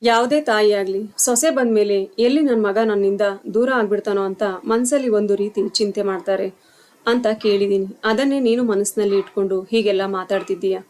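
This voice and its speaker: Woman doing a young husband guy, calm, reasoning with his mom, storybook style. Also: medium pitch, brisk, close to an everyday voice. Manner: pleading, gently reasoning.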